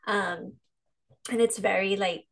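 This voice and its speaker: A woman's voice: mid-range voice, steady tone, takes it slowly, gravelly. A woman hosting a podcast conversation, candid and heartfelt, often laughing and restarting her sentences. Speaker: podcast host.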